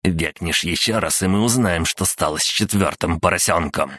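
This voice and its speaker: A man's voice: low-pitched, normal speed, a bit bright, no echo, clean studio sound. A man voicing a brutal thug who jeers and threatens a captive. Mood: jeering. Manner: jeering, threatening. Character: brutal thug, gloating bully.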